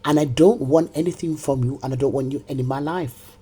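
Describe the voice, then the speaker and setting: A woman's voice: deep voice, fairly quick, warm tone, slightly rough. A middle-aged woman delivering a confrontational monologue straight to camera, repeating herself and scolding someone who is not there. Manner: confrontational, repetitive, rants at an absent person.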